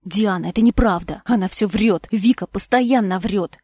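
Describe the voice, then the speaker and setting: Brief: woman reading an angry young boyfriend, blunt, mellow dry voice. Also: mid-range voice, normal speed, breathy edge, no echo, close to an everyday voice. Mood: indignant. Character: young man, boyfriend, defensive and hot-tempered.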